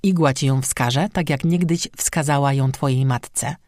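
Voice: mid-range voice, a little slow, a little mellow, no echo, studio quality, natural voice. An audiobook narrator voicing a fierce, commanding star-woman who is a master smith, speaking firmly with a warning tone. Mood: instructive. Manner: firm, warning tone. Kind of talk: audiobook reading.

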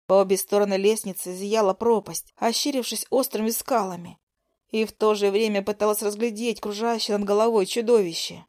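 A woman reading a first-person audiobook in an expressive, vivid way. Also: medium pitch, brisk. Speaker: audiobook narrator.

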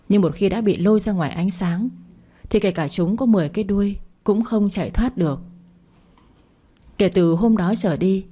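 A woman's voice: medium pitch, mellow. A woman reading a family drama story aloud as narrator, voicing the quoted parts herself with little change.

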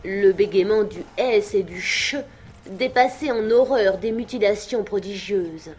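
A woman reads a literary tale aloud for an audiobook. Her delivery is measured and expressive, at a mid pitch for a woman. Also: soft background music. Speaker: narrator.

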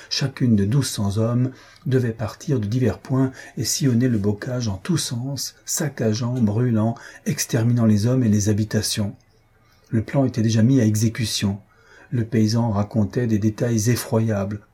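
Male audiobook narrator, mellow tone, husky, measured scripted narration. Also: on the low side. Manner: measured, even storytelling.

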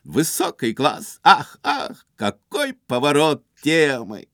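A man putting on a gushing, sighing flatterer. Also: medium pitch, no room sound, clean studio sound, pitched above the performer's own voice, heavily acted. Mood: delighted. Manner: breathy sighing exclamations, drawn-out. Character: fawning excitable man gushing compliments. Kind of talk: audiobook character voice.

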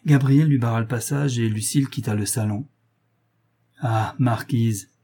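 A man reads a classic novel aloud in a measured, dramatic audiobook narration. His voice is husky and mellow, with a mid pitch. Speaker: audiobook reader.

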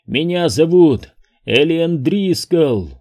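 A man voicing an eerie male spirit speaking through a small child, in a distorted, mechanical falsetto, slow and insistent, for an audiobook. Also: lively intonation, a little mellow, heavily acted. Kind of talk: audiobook reading.

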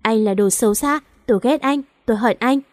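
A woman's voice: a little high, brisk, no room sound, clean studio sound, lightly acted. A woman voicing a stubborn, frightened young pregnant wife who speaks defiantly and tearfully, in a storybook reading.

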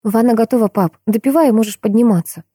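A woman's voice: a little high, fast, warm tone, husky, no echo, studio quality, pitched above the performer's own voice. A woman doing a desperate young lover. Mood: cheerful. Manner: raised, trembling pleas and angry outbursts.

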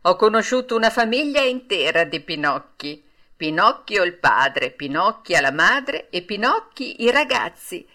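A woman's voice: medium pitch, very animated, unhurried, bright, forceful tone, exaggerated voice. A woman voicing a fretful old male woodcarver who scolds in a raised, exclaiming voice. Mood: musing.

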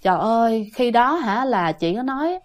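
A woman with a Southern Vietnamese accent telling a ghost story to her listeners in a lively, dramatic, casual way. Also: fairly high pitch, normal speed.

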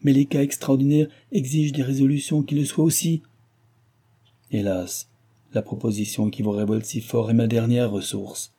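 Ardent pleading young gentleman, as a reader voices him. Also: medium pitch, flat delivery, moderate pace, husky.

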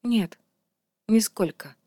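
A woman's voice: medium pitch, takes it slowly, no echo, studio quality, pitched above the performer's own voice. A woman reading as a timid, shaken young woman. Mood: quiet. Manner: quiet, faltering.

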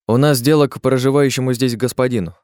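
A man's voice: medium pitch, fairly even intonation, quick pace, darkish tone, smooth, no room sound, voice pushed up, lightly acted. Man voicing a blunt adventurer leading his band, firm, terse, dry close voice. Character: steady male adventurer, group leader.

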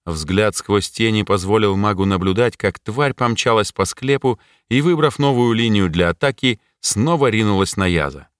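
A male narrator with a low voice reads a fantasy story in an even, measured way. The recording is close and dry, with no room sound. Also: clean tone, no echo. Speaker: audiobook narrator. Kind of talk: scripted narration.

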